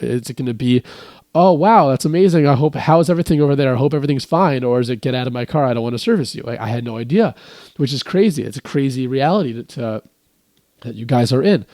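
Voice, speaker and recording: On a podcast, a young musician from the U.S., English being his first language, casually spins a story, rambling with constant restarts and lively impressions of what others said. The voice is mid-range and carries no room sound.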